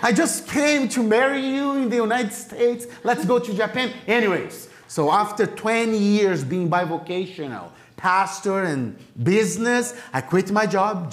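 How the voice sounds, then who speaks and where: A Brazilian man, a native Portuguese speaker, talks in English with a Brazilian Portuguese accent. He is a missionary pastor giving a church presentation, sprinkling in self-deprecating jokes, and his voice is high.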